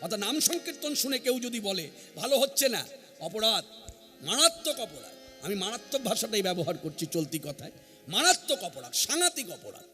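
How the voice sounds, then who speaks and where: A man's voice: sits high, sing-song, normal speed, pushed and bright, soft background music. A man preaching a devotional sermon to a gathering, earnest and emphatic, repeating his key phrases. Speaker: kirtan singer and preacher. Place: standing before an assembly.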